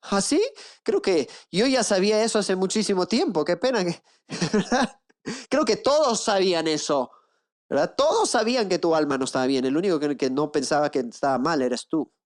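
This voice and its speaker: A man preaching a sermon as an inner-healing coach, lively, acting out the people he quotes with rhetorical questions, slowing down and hushing low to drive points home. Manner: slows down and drops to a low hush for emphasis.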